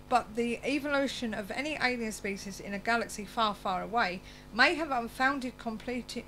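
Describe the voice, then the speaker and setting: Bright, slightly slurring woman radio host. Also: a little high, poor audio. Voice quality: slightly slurred speech, as with loose dentures. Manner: stumbles over words when reading. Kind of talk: reading a script aloud with chatty asides. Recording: clear background noise and hum.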